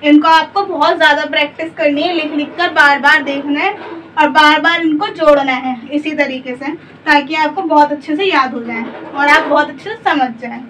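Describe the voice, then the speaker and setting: A woman's voice: high voice, moderate pace, fairly bright tone. A woman teaching letters step by step, patient and repetitive, often asking simple check questions. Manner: patient, repeats letters and asks rhetorical checks. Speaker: Urdu teacher. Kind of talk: slow step-by-step letter lesson. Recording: distant mic, dull lo-fi sound, faint room noise.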